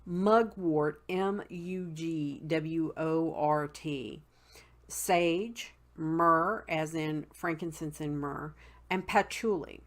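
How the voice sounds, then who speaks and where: A woman's voice: sits low, steady tone. A woman with a Southern US accent explains seasonal customs in a casual teaching talk, stopping often on "um" and spelling words out letter by letter. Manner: unhurried, many ums, spells words out. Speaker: host.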